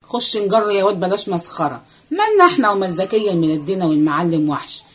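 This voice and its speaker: A woman voicing a bossy, sharp-tongued middle-aged housewife with an Egyptian accent, scolding and impatient. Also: medium pitch, lively intonation, fast talker, slightly rough. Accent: Egyptian Arabic.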